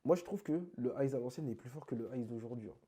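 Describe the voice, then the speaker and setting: A man being interviewed about dance, talking in an animated, emphatic, slangy way. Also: mid-range voice, fast. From France. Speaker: interview guest, krump dancer. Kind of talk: casual conversational interview.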